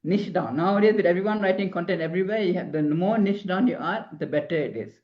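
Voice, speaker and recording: Interviewed as a guest, a middle-aged Singapore-based marketing consultant gives advice in a rambling way, restarting her thoughts many times. She talks at a quick pace with a fairly low pitch, captured with dull lo-fi sound.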